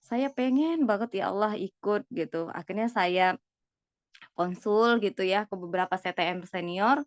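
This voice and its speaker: A woman recounts her story earnestly, pausing on fillers and breaking off to restart. Her voice sits at a middling pitch. The sound is dry and a little dull, as from a modest recording. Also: no echo. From Medan, North Sumatra, Indonesia. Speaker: guest, certified trainer. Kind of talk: personal testimony in casual chat.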